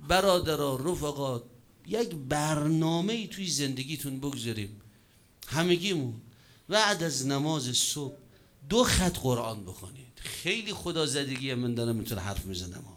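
A man preaching a sermon, telling a story with joking asides and sudden shifts in pace and loudness. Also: mid-range voice, expressive.

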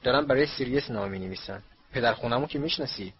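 A man doing a cheeky teenage boy wizard, defiant and quick, voice pushed up higher, storybook reading on a slightly dull recording with faint hiss. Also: close to an everyday voice.

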